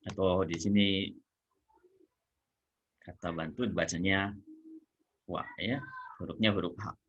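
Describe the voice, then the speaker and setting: A man's voice: low-pitched, steady tone, measured pace, a bit bright, husky, dull audio. A man teaching a Japanese grammar lesson, explaining patiently and repeating example sentences with frequent checking "ya".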